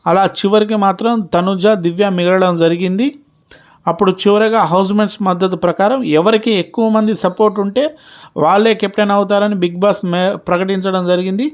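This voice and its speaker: A man hosting his own channel, telling a reality-show recap in a steady storytelling way and retelling quarrels as reported speech. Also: sits high, clean tone, muffled recording. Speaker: YouTube channel host.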